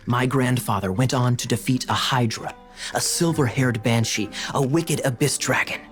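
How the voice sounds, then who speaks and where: Scheming cavalry captain for a game, played by a man: mid-pitched, grandiose storyteller, teasing, music underneath. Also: lightly acted. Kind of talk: video game voice acting.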